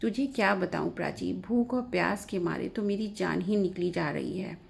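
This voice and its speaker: A woman's voice: fairly low pitch, moderate pace, vocal fry. Chatty elder sister, read by a woman narrator; familiar, complaining.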